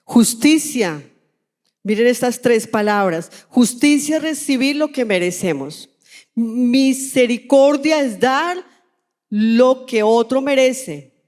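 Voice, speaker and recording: A woman's voice: fairly high pitch, animated, slow, a little mellow. A woman pastor with a Colombian accent preaching a sermon as personal testimony, telling her story with emotion and acting out the dialogue. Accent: Colombian Spanish. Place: large church hall. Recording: long church-hall reverb.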